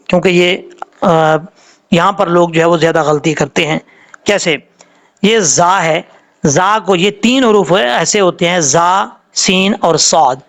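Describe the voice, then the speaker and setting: A man, a Quran tajweed teacher giving a patient, step-by-step recitation lesson and repeating each sound. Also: high-pitched.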